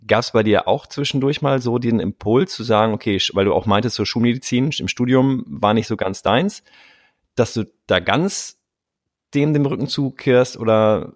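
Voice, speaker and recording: A man's voice: fairly low pitch, dry recording, clean studio sound. A man hosting his own podcast, asking long, rambling questions in a friendly way. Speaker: podcast host. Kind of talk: conversational interview.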